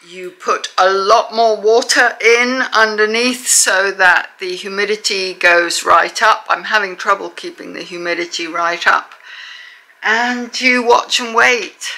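A retired woman talks through her home vlog at an unhurried, deliberate pace. Her voice is bright and clear, and her tone is chatty and self-deprecating. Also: mid-range voice, fairly even intonation, low-quality recording. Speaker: vlogger. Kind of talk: casual home vlog narration. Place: rural home.

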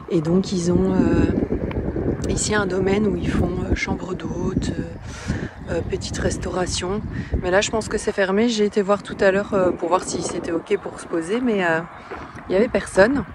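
A woman in her forties chatting casually as a travel vlogger, with many filler pauses, talking to a camera held at arm's length. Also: on the low side, steady tone. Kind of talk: casual vlog narration. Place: camper van and outdoor campsite. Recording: noisy road and vehicle background.

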